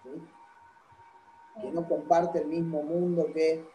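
A man's voice: on the high side, little pitch movement, takes it slowly, warm tone, echoey room, lo-fi sound, a little hiss or hum. A man giving a university lecture. He explains patiently and keeps checking that the class follows. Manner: explanatory, constantly checks understanding with "¿sí?".

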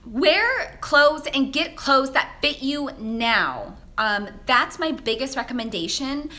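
An expressive young adult woman speaks slowly in a pushed, bright voice while answering viewers' questions as a menswear stylist in a casual live Q&A. Vietnamese is her first language; she is chatty and upbeat, laughs often, and leans on fillers. She films indoors in a high-rise office with large windows, using a shaky handheld phone at arm's length.

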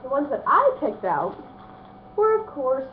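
A young woman with a slightly hoarse voice from a cold, chatting casually at her desk at home in a rambling vlog, with lots of ums. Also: high voice, huge pitch swings, a little slow. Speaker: vlogger. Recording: phone-like narrow band, faint hiss.

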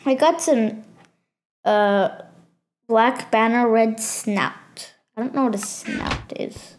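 A woman's voice: on the high side, takes it slowly. A woman hosting a gaming channel, giving a casual tour of her game world and stopping often with fillers and self-corrections.

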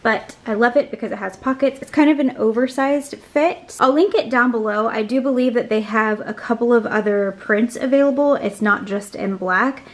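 A woman's voice: fairly high pitch, normal speed, hardly any pauses, no echo. A woman in her thirties, a lifestyle vlogger, talking to a handheld phone camera in a chatty, upbeat way with frequent laughs. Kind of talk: casual vlog talk to camera.

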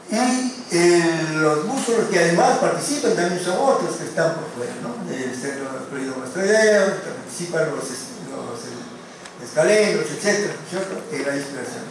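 A male lecturer teaching a class, who often stops on fillers and keeps checking in with quick tag questions. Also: a little high, a little hiss or hum. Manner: hesitant, with many fillers and restarts. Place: lecture room. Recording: very echoey room, mic far off.

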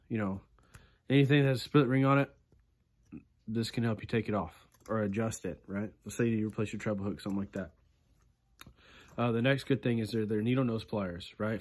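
30s guy casually showing off fishing gear to his phone cam, keeps saying "right?", small room. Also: on the low side. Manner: relaxed, chatty, peppers lines with "right?" and "okay". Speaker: fishing channel host.

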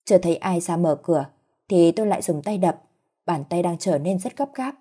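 A woman narrates a first-person story in a measured, dramatic way. Her voice is low and dark, with a husky edge.

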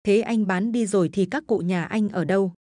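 A fierce old village grandmother scolds her children in a shrill, cutting voice, as a woman storyteller puts her on. The recording is dry and close, with no room sound. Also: normal speed, mellow, no echo, natural voice. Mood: scolding.

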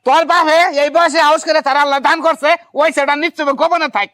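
A man playing an exasperated, embarrassed son-in-law in a loud comedy skit, with a rural Bangladeshi accent and whining, protesting outbursts. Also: extremely high pitch, level tone, quick pace.

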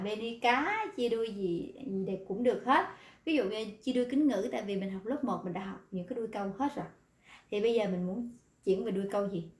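A woman teaching, patiently explaining, quizzing the class and repeating words slowly. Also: on the high side, roomy sound. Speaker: Korean language teacher.

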